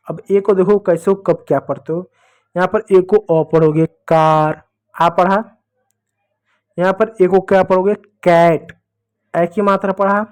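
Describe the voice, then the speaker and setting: A man with a high, slightly mellow voice teaches English phonics to children at a blackboard. He patiently repeats each step and asks questions along the way.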